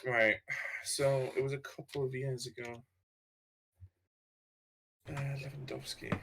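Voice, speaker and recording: A relaxed young man weighs up his views in an easygoing way while co-hosting a casual chat. His voice sits at a middling pitch, with a faint hiss of noise behind him. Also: takes it slowly, gravelly. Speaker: podcast co-host. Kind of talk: casual chat about football cards.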